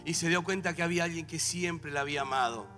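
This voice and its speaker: A middle-aged Argentine man preaching a sermon, with a Rioplatense accent, moving from quiet storytelling to shouted exhortation. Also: on the high side, quick pace. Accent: Rioplatense Spanish. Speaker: pastor. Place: church. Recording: live church service with music underneath. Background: worship music.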